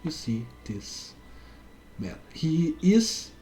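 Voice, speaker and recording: A man working as game master, improvising narration in a halting manner and often repeating words. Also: fairly high pitch, big pitch swings, dark tone.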